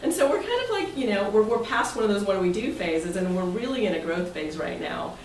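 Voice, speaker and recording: An American woman, medium-pitched and a little fast, speaks with lively intonation as president and host of her club's meeting. Jokey and informal, she keeps breaking into chuckles while delivering a talk partly read from prepared text. The indoor room is echoey and noisy, and the mic is distant.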